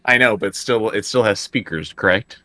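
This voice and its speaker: A man with a deep, sharp-toned voice plays a tabletop role-playing game as a player. He talks casually and a little haltingly, often feeling his way through questions about what he can do.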